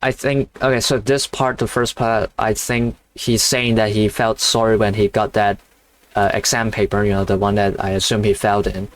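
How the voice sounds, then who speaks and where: A man's voice: on the low side, level tone, normal speed. A man reading a novel aloud on his channel, stumbling over words and breaking off for casual commentary full of offhand swearing. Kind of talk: casual read-along with commentary.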